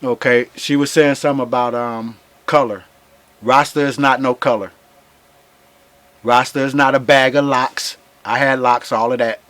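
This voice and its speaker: A man's voice: medium pitch, steady tone, moderate pace, a bit bright, no room sound. A man speaking as an interview guest in informal, impassioned Rasta-style reasoning, repeating phrases emphatically like a preacher.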